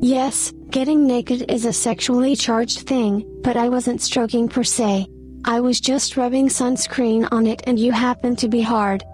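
A woman's voice: on the high side, steady tone, a little slow, a little mellow, soft background music, close to an everyday voice. A young woman playing a playful, teasing young woman who talks in a breezy, coaxing way.

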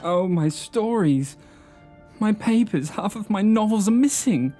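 A man's voice: high voice, animated, measured pace, dark tone, soft background music. A man playing a polite, flustered young detective's assistant who also narrates the comedy audio drama. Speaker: narrator and character.

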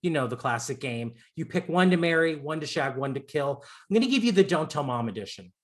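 A fairly quick, expressive male voice pitched on the high side belongs to a host of around forty. He was born on Long Island, grew up in Florida, and carries an American Southern sound. He runs a relaxed celebrity interview, gushing, campy and full of jokes.

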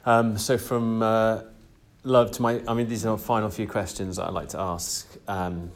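A man's voice: fairly low pitch, level tone, normal speed. A man hosting a casual interview, rambling with many fillers and open praise for his guest. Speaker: podcast host.

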